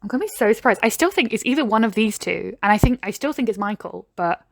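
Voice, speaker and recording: A young British woman casually reacting to a video, thinking aloud and getting excited. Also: medium pitch, fast talker, gravelly, no room sound. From Britain.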